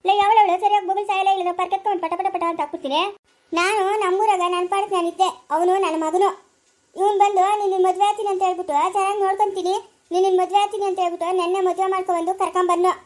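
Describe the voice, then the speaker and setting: A woman with a rural Karnataka Kannada accent playing a sharp-tongued village wife who berates and wails curses in an amateur family skit. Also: very high voice, steady tone, rapid-fire. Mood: scolding. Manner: loud berating, wailing curses.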